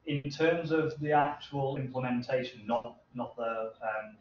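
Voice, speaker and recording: Thinking aloud in halting fashion, a man in his thirties fields questions while presenting his research at an informal technical seminar, speaking at medium pitch. The audio, picked up by a far-off camera mic in a medium hard-walled room, sounds distant, muffled, echoey, and noisy.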